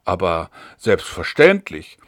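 A man reading the part of a calm, guarded police officer in an audiobook, measured in tone. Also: sits low, no room sound, studio quality, pitched below the performer's own voice, exaggerated voice.

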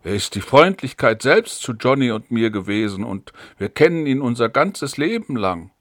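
A man's voice: mid-range voice, very animated, normal speed, no echo, clean studio sound, close to an everyday voice. A man reading the part of an earnest, trusting young woman in an audiobook, in a pleading tone.

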